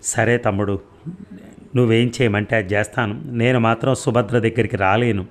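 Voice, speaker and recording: A man's voice: fairly low pitch, fairly even intonation, moderate pace, close to an everyday voice. A man voicing a troubled older brother who talks wearily in an audio story. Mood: resigned.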